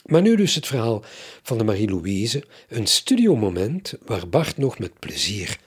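Man, interviewer, narrator, husky, animated. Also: on the low side, a little slow. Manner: short prompting questions.

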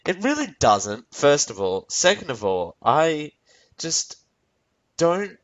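A man's voice: a little high, very animated, takes it slowly, muffled recording. A man hosting a casual film review, rambling and correcting himself as he talks to his audience. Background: faint background music.

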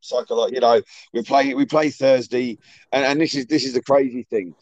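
A man's voice: mid-range voice, steady tone, normal speed, darkish tone, no room sound. A man talks football in a blunt, grumbling, chatty way over a remote call. The line is bad, so his voice keeps cutting in and out. The sound is dull and lo-fi, and it is very dry with no room around it.

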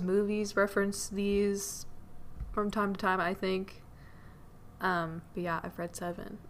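A young adult woman co-hosting a podcast, relaxed and quick to laugh. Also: mid-range voice, slight background noise. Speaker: podcast co-host. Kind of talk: casual chat.

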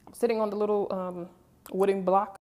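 A woman's voice: medium pitch, flat delivery, a little fast, background noise. A woman in her thirties telling a personal story in a rambling, casual way, often restarting her sentences. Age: 30s. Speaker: vlogger.

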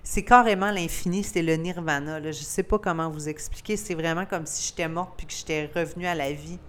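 A woman's voice: low-pitched, steady tone, brisk, fairly bright tone, a little hiss or hum. A young woman from Gaspésie with a Québécois accent, hosting a podcast and telling a personal story in a candid, emotional way, with English words mixed into her French. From Gaspésie, Quebec, Canada. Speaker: podcast host.

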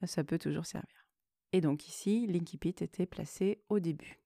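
A woman hosting a podcast, reading her own creative writing and commenting on it in a soft, partly whispered way, with hesitant conversational asides. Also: on the low side, moderate pace, creaky, dry recording, clean studio sound. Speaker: podcast host and author.

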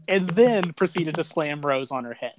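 A man's voice: fairly high pitch, lively intonation, a little slow, no room sound, faint music behind. A man hosting a sports podcast in casual banter, blunt and freely profane. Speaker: podcast host. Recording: clear background noise.

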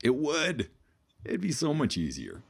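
A man's voice: on the high side, wildly swooping pitch, a little slow, gravelly, slightly rough. A man hosting a casual interview, chiming in agreeably with short replies. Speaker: host.

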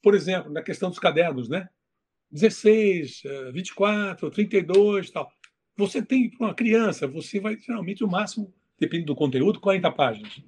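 Animated husky-voiced man telling stories. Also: high-pitched, normal speed. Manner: animated storytelling, acts out voices. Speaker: children's book author. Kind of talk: interview talk.

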